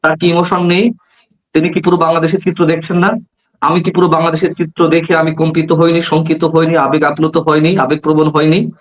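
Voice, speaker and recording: Impassioned middle-aged male talk show guest, high-pitched, rhetorical. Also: level tone, fairly quick, rough recording. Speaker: journalist guest. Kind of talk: political talk show argument.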